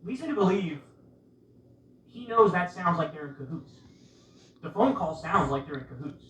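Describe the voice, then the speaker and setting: Addressing his viewers informally about politics, a man keeps insistently repeating rhetorical questions. His voice is fairly high, expressive and somewhat bright at a normal speed, captured in a roomy, distant recording with slight noise.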